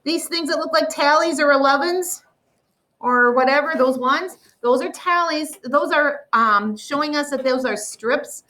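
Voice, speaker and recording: A woman teacher walks a class through a math problem at a slow, careful pace. Her voice sits high and clear, and she often draws a number out to let it sink in. The classroom mic picks her up from a few steps away. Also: bright, forceful tone, distant mic, rough recording. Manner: slow, deliberate explaining, drawing out numbers.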